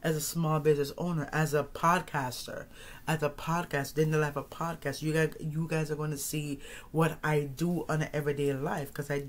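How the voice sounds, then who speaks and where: A man's voice: on the high side, level tone, normal speed. Rambling man in his thirties hosting. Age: 30s. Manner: rambling, repeats phrases and restarts often. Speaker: podcast host. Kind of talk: casual solo monologue.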